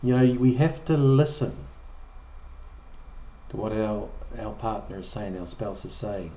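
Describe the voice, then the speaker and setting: A man's voice: fairly low pitch, steady tone, unhurried, dark tone, a little hiss or hum. A middle-aged man preaching a conversational sermon, often repeating or restarting words and acting out short quoted lines. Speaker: pastor. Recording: echoey room.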